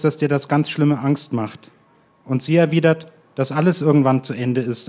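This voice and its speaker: Guy reading his own story live, calm steady voice, slows down and goes quiet. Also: medium pitch. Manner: calm, measured, slowing to a quiet, drawn-out delivery. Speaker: guest author reading his own text. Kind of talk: live reading of a second-person short story.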